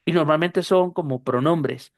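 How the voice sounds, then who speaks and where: A patient woman teaching a class, talking at an unhurried pace in a fairly low voice. She repeats her points and checks that her students understand. The recording is dry and close. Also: no echo. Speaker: English teacher. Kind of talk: explaining pronunciation in a class.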